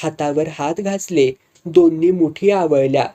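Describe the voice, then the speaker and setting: A man's voice: on the high side, measured pace, dark tone. A man narrating a rural folk story in an earthy, vivid way.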